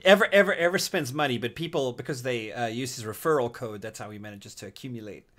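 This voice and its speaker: A man's voice: medium pitch, fast, a bit bright. A man co-hosting a casual gaming chat, making wry, sympathetic quips. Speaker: podcast co-host.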